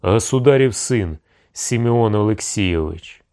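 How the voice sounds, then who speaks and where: A man's voice: on the low side, animated, measured pace, darkish tone. A man voicing a proud, hot-tempered young tsarevich in an audiobook, speaking in a commanding, indignant way. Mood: imperious.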